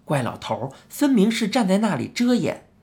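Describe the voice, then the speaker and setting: A woman narrating a children's audiobook with expressive storytelling. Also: medium pitch, moderate pace.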